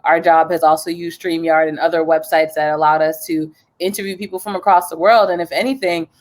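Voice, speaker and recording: A woman's voice: sits low, fairly even intonation, fairly quick. A young woman from New Jersey, a journalist, talking in an upbeat, chatty way and laughing often as a guest on a video call interview. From New Jersey, USA.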